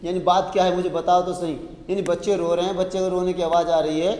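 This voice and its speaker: Male teacher, high voice, explains a story line by line, echoey room, long reverb. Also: flat delivery, a little mellow. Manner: reads English lines slowly, then explains in Hindi. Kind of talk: Hindi lecture explaining an English chapter.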